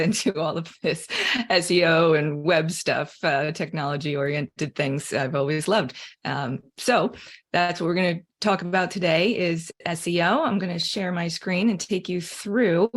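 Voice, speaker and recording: A woman giving a webinar presentation as guest expert, chatty and self-deprecating, speaking over a video call. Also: medium pitch. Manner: chatty, self-deprecating, laughs at own slips.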